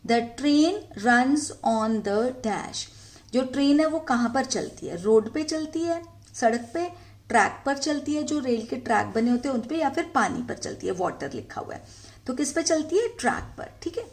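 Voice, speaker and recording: A woman teaches young children, with a fairly high voice that rises and falls a lot. She reads each line slowly and carefully and checks in often as she goes. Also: sing-song, a little mellow. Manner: slow, careful reading of English lines, repeats "ठीक है" often. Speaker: English teacher. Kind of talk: Hindi-explained English lesson for young children.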